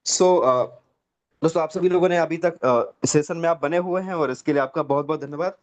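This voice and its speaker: Man hosting a network marketing call, high voice, preachy and emphatic, motivational pitch. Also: fairly quick. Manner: preachy and emphatic, repeats "dosto". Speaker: network marketing session host. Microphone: video call.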